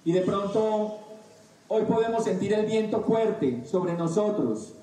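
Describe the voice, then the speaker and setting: High-voiced man preaching in echoey hall. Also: animated, warm tone, far from the mic. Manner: slow, emphatic preaching with dramatic pauses. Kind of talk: sermon. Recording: echoey room, voice off-mic.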